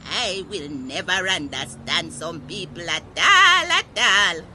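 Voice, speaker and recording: A woman's voice: lowish voice, very animated, takes it slowly, noisy background. A woman playing a feisty, gossipy old Jamaican grandmother in a comic audio story, ranting indignantly and with exclamations in Patois. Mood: scandalised, amused. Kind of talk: comic monologue rant in Patois.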